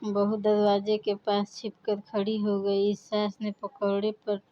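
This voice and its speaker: A woman narrating a family story in a slow, even storytelling manner. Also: medium pitch, muffled recording.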